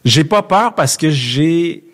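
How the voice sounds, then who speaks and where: A man's voice: on the high side, lively intonation, slow, a bit bright. Rambling Québécois man telling a story. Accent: Québécois French. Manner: self-mocking, rambling with restarts and laughs. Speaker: podcast guest. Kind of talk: casual storytelling chat.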